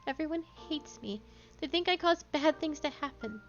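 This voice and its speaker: A woman's voice: high-pitched, lively intonation, normal speed, dull audio, soft background music, pitched above the performer's own voice. Woman voicing a despairing young girl. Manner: quiet, tearful, despairing.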